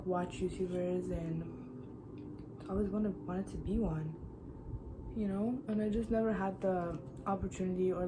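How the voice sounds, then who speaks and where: In a laid-back get-ready-with-me chat, a beauty vlogger from Iran in her 20s speaks bluntly and motivationally as she applies makeup. Her voice sits in the mid range, with background noise present.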